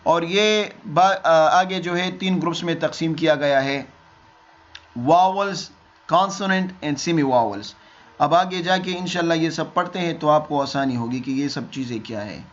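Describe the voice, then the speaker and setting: A man teaching a beginners' lesson, explaining step by step and answering his own questions. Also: a little high. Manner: asks questions and answers them himself, repeats key words. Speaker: English teacher. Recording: dull lo-fi recording.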